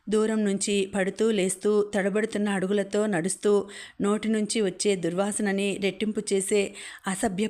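A woman narrating a novel as an audiobook reader in steady scripted narration. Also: medium pitch.

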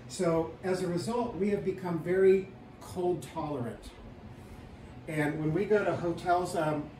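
This homeowner, a man in his fifties, speaks with a fairly high pitch and a darkish tone as he walks through his little wood-paneled home. His casual house-tour talk is plain and matter-of-fact, dotted with lots of ums. Recorded by a camera a few feet off, the audio sounds roomy and a bit distant, with a faint hiss.

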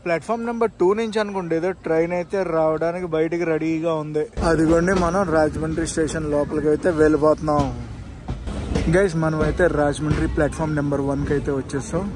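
A travel vlogger, a man with a fairly high, steady voice, talks fast and chats straight to his viewers as stations go by on a night train journey. The noisy recording comes from inside the moving carriage, with music, train rattle and station noise behind him.

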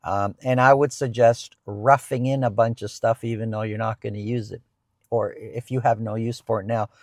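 A man's voice: on the low side, fairly even intonation, moderate pace, darkish tone, no echo, clean studio sound. A middle-aged man, a real estate agent, answering viewer questions in casual chat from a parked car, explaining with frequent restarts and repeated words. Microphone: lapel mic.

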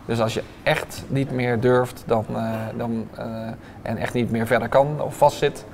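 A man in his thirties, a restaurant owner, answering interview questions with many hesitant filler sounds, recorded on a lapel mic in a bright restaurant dining room. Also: mid-range voice, steady tone, measured pace, a little hiss or hum.

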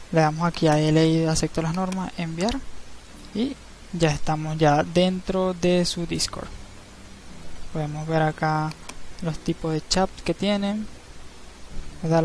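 A man narrating a screen-recorded tutorial, explaining each step in a relaxed, easygoing way and often checking in with the viewer. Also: fairly high pitch, slight background noise. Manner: relaxed, step-by-step, frequent tag questions. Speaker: crypto channel host. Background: faint background music.

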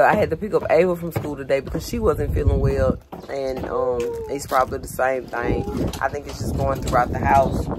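A woman vlogging to camera as a mother catching viewers up, with a hoarse voice and loose, rambling talk full of fillers, recorded outdoors on a porch. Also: rumbling low. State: hoarse, voice going in and out. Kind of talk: casual chat to camera. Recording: loud background noise outdoors.

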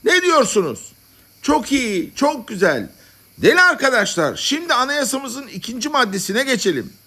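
A man voicing a grandiose, excitable lunatic leader who orates to a crowd in a storybook reading. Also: moderate pace, exaggerated voice. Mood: rousing. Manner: high-pitched, orating to a crowd.

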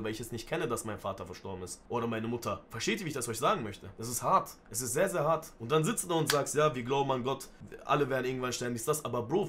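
Fast-talking young man, earnest streamer. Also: medium pitch, fairly bright tone, slight background noise. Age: 20s. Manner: earnest, keeps calling viewers bro; heartfelt, preachy appeals to the audience. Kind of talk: emotional livestream monologue.

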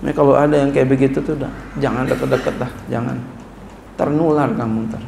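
Gravelly-voiced preacher, echoey room. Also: male voice, mid-range voice, background noise. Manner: reads Arabic slowly then explains in colloquial speech, rising to animated scolding. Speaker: kyai teaching a classical text. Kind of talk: sermon-style kitab lesson. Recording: echoey room with faint ambience.

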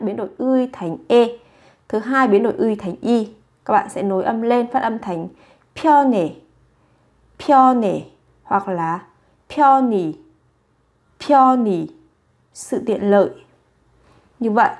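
A woman teaching vocabulary, reading each word slowly and repeating it three times with careful pronunciation. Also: on the high side, a little mellow. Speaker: language teacher. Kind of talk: vocabulary drill, slow and repetitive.

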